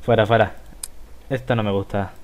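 A man's voice: fairly low pitch, little pitch movement, normal speed, noisy background. A man with a Spain Spanish accent giving casual gameplay commentary, chatty and exclaiming at the game as he plays. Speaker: gaming video host.

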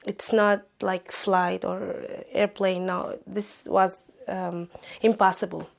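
Creaky-voiced woman, halting. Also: mid-range voice, flat delivery. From Sudan. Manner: halting, many fillers and restarts. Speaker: interviewee, refugee. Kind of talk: hesitant personal account.

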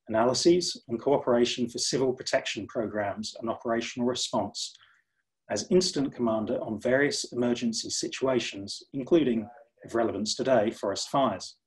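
A man moderating a webinar session, reading a formal speaker introduction in a measured way. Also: mid-range voice, poor audio. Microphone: video call.

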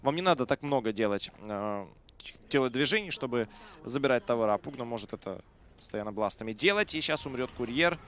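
Guy casting an esports match, joking and slangy, average pitch, some noise behind him. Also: lively intonation, a little fast, a bit bright. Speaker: esports commentator. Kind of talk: live game commentary with casual banter.

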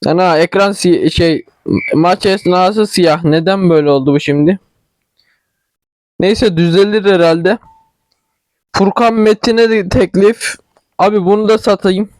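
High-voiced young man with regional Turkish dialect. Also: steady tone, unhurried, pauses often, a little mellow, no echo. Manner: chatty, thinking aloud, stumbles over words. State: tickly throat, clearing it. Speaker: gaming channel host. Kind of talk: casual game commentary.

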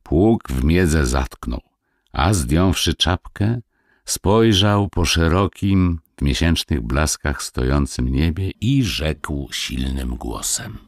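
A man reading a classic fairy tale aloud, expressive and shifting between hushed and lively tones. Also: sits low, slow pace, no echo, studio quality. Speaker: storyteller.

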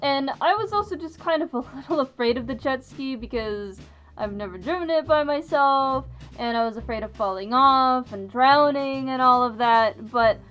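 A woman's voice: sits high, animated, moderate pace, fairly bright tone. A woman chatting casually through a fursuit head, laughing often as she tells her story. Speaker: vlogger, fursuiter. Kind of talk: casual chat.

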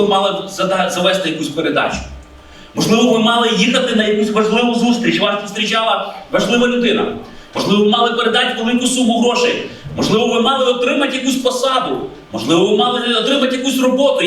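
A man's voice: sits high, fairly bright tone, heavy reverb, distant mic, slight background noise, low-quality recording. A man preaching a sermon in an earnest way, calling his listeners friends and acting out the voices he quotes.

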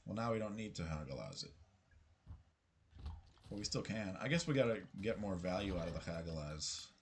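A man's voice: low voice, expressive, fairly quick, slight background noise. A man streaming gameplay live, chatting casually with his viewers, musing aloud and swearing now and then. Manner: chatty, swears, talks to chat.

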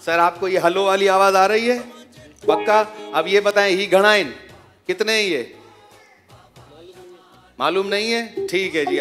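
A man's voice: high voice, fairly bright tone, in a large hall. A man hosting a live game show, bossy and jokey as he calls out teasing commentary.

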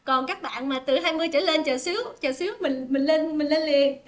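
A woman teaching a livestream pronunciation lesson, chatting with viewers and drilling each word by slow repetition, often laughing between drills, recorded indoors on a tablet microphone. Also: sits high. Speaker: English teacher.

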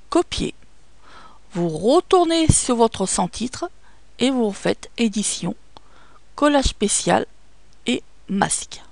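A woman with a French accent guiding viewers step by step through photo editing software, patient and hesitant, with many fillers. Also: mid-range voice, gravelly, dry recording. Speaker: software tutorial presenter. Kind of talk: screen-recorded photo editing tutorial.

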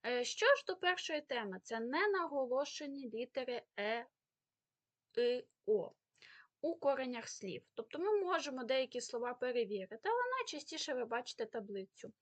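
A woman's voice: high voice, lively intonation. A woman with a Ukrainian accent teaching an exam prep language lesson, explaining rules step by step and stressing example words. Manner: filler pauses.

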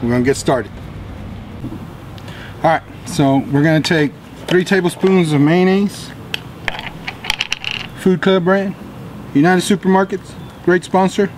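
A man's voice: high-pitched, steady tone, measured pace, pauses often, noisy background. A middle-aged man, hosting a casual backyard cooking demonstration in a jolly, folksy, chatty manner. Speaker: cooking show host. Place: outdoor backyard grilling area.

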